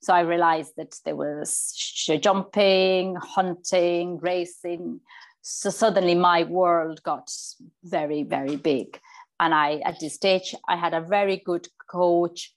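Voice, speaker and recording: A woman's voice: lowish voice, fairly even intonation, slow pace. A woman in her forties from Spain with a Spanish accent, a riding coach chatting in an interview, often repeating words as she restarts. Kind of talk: casual interview.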